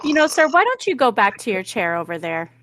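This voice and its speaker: A woman's voice: a little high, sing-song, fairly quick, a bit bright, dry recording, clean studio sound. A woman playing a tabletop role-playing game, speaking in character in a prim, indignant way. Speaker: tabletop player. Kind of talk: in-character play.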